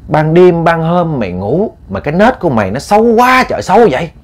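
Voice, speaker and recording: A man's voice: mid-range voice, expressive, moderate pace, close to an everyday voice. A man voicing a stern, sick old mother who scolds her daughter bluntly and at length. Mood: scolding.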